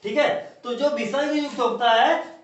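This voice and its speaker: High-voiced man teaching in an echoey room. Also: normal speed. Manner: repeats key terms and asks the class rhetorical questions. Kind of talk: classroom lecture. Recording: echoey distant room, muffled.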